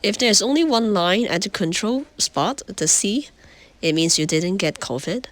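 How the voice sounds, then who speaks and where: A woman, hoarse from illness, plainly explaining and demonstrating items for a home video. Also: medium pitch, expressive, unhurried. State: hoarse sick voice. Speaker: vlogger.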